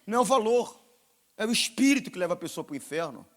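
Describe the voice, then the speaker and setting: A pastor with a Brazilian Portuguese accent preaches in a high, fast, sing-song voice. His sermon swings between loud exhortation and quiet, confiding asides.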